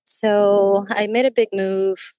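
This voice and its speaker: A woman's voice: medium pitch, flat delivery, takes it slowly, dark tone, clean tone, no room sound. American woman in her thirties, hesitant and reflective, mid-range voice with a dry sound. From United States. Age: 30s. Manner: hesitant, searching for words, many fillers. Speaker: coaching client. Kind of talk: personal conversation.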